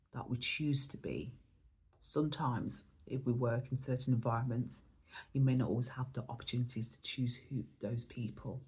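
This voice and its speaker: This spiritual vlog features an English woman giving an oracle card reading, her thoughts rambling and reflective. Her very deep voice is a little mellow but hoarse and fading, and the audio is poor.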